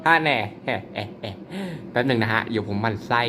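A man from Thailand, a mobile gamer who hosts a channel, talks fairly quickly in a lowish voice while playing, with background noise audible. He keeps it playful and jokey, frequently exclaiming, laughing and offering mock-polite apologies.

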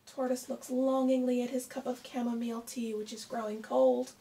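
A middle-aged woman with a slightly high, creaky voice reads a picture book expressively at a moderate pace, addressing the children with questions as a primary teacher might. The distant camera mic in the small shelved room picks up faint background noise.

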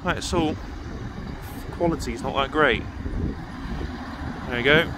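A man's voice: a little high, slow, background noise. A man filming a casual vlog on his phone outdoors on a station platform, chatty and rambling, repeating himself with fillers. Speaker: train vlogger. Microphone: handheld phone camera.

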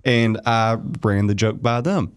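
A young man, a stand-up comedian, chatting casually on a studio podcast mic, rambling and getting animated in his stories. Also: lowish voice, unhurried, clear, resonant tone. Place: small radio studio with posters. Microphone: studio boom mic with headphones.

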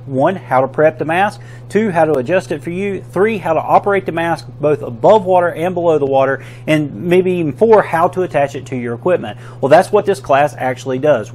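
A man in his forties presenting a casual instructional video, addressing viewers in a direct, informal way. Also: a little high. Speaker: dive shop presenter. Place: small indoor dive shop room. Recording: faint steady background hum.

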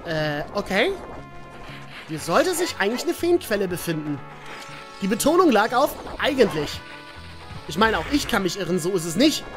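Lively chatty woman gaming. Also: on the low side, fairly quick, over music. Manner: chatty, addresses viewers as "ihr Lieben", mild swearing at enemies. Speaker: let's player. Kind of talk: video game commentary.

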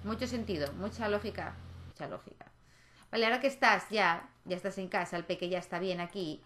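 A woman's voice: mid-range voice, quick pace, a bit bright. Chatty woman narrating her life-sim game. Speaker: gaming channel host. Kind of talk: casual gameplay commentary.

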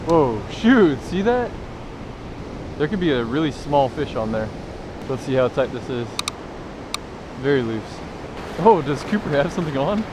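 Excitable young man on a windy beach. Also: medium pitch, a little slow, pauses often. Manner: excitable, joking, talks to viewers. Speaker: fishing vlogger. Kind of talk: casual excited vlog commentary. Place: beach by the surf, outdoors. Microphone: action camera. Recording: wind and surf noise.

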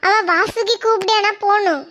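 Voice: extremely high pitch, normal speed, sharp tone. A voice actor playing a caring village mother in a cartoon, reassuring and fussing over others.

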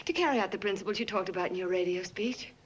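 A woman's voice: mid-range voice, quick pace, a little hiss or hum, lightly acted. An actress in a 1940s film playing an eager young newspaperwoman who talks persuasively. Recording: dull 1940s film soundtrack.

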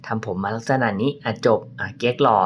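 A man's voice: medium pitch, fairly quick, a little hiss or hum. Playful chatty man doing a makeup vlog. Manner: playful, chatty, laughs at himself. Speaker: makeup vlogger. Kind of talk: casual makeup tutorial vlog.

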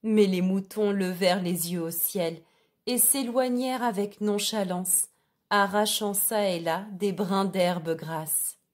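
A woman reading a children's storybook aloud in a clear, expressive way. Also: medium pitch, slow.

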